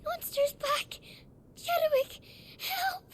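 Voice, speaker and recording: A woman playing a frightened, pleading young girl held captive in a video game, speaking in a halting, tremulous half-whisper. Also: extremely high pitch, mellow, a little hiss or hum. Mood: desperate, pleading.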